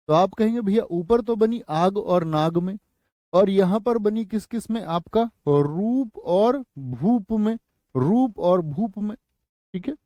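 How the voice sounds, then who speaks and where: A man teaching an online exam-prep class in Hindi with a North Indian accent. His voice sits high but has a mellow, dry tone, close and free of room sound. He drills each line slowly and repeats it, then drops into chatty asides to his students. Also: dry recording. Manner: slow, repeats phrases for dictation; addresses students with casual asides.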